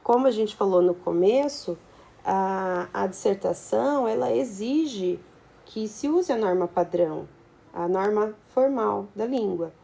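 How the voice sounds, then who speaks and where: A woman's voice: medium pitch, animated, measured pace, gravelly, mellow. A Brazilian woman teaching a video lesson, explaining at length and checking in with tag questions and fillers. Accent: Brazilian Portuguese.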